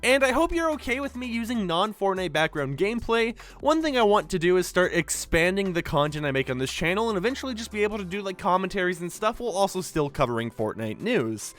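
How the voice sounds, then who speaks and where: A young man hosts a casual gaming news video in a high, slightly bright voice, very animated and quick, with hardly any pauses. Though he sounds sleepy from recording early in the morning, he rambles chattily, leaning on "like" and "basically."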